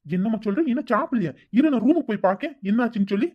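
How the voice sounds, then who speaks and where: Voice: medium pitch, expressive, very fast, voice pushed up, natural voice. A voice actor playing a protective, caring elder brother in a cartoon, coaxing and soothing. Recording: dull lo-fi recording.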